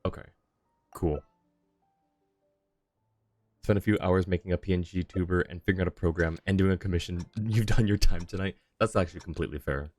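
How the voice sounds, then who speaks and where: His voice sits low and runs a little fast, with frequent pauses and faint music behind. He's a tired man streaming a game late at night, mumbling relaxed gameplay chat and reading the game's text aloud.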